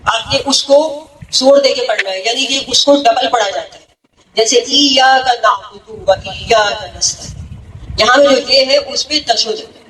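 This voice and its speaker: High-pitched and a bit bright, the woman teaching this gathering is a religious speaker, or zakira, who lays out her points one step at a time and repeatedly checks for understanding. Faint noise and hall echo come through a distant mic.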